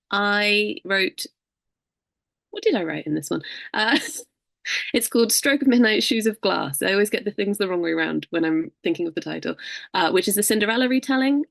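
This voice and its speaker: A woman with a gravelly, creaky voice introducing herself over a video call. She speaks haltingly and fills her pauses with uhs. The sound is dry. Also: mid-range voice, fairly bright tone, dry recording. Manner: halting, with fillers. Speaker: author and magazine co-editor. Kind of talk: self-introduction on a live stream.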